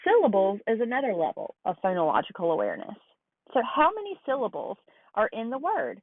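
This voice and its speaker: A woman giving a recorded lecture on early reading skills, slowing down to model sounds and words carefully. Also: fairly high pitch, huge pitch swings, dry recording. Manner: slow, deliberate modeling of sounds. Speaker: teacher educator. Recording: dry, phone-like lo-fi audio.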